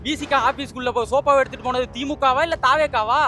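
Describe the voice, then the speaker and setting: A party supporter speaking outdoors on a street, defiant and combative. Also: male voice, very high voice, fairly even intonation, quick pace, pushed and bright, faint music behind.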